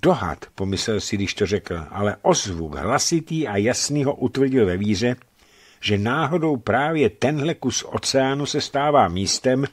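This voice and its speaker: A man reading a novel aloud in a measured, steady manner for radio. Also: on the low side, slightly rough, dry recording. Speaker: radio reader. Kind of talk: scripted narration of a novel. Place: radio studio.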